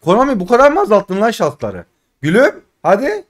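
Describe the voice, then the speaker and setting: A man doing casual live commentary while opening game packs, frustrated and pleading, swinging between loud outbursts and muttering. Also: sits high, wildly swooping pitch, fairly quick. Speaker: gaming streamer.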